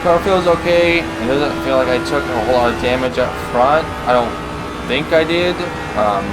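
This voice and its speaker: A man giving casual, easygoing commentary while he plays a racing game, thinking aloud in a halting way. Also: mid-range voice. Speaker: sim racing streamer. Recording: loud steady car engine noise. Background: racing game car sounds.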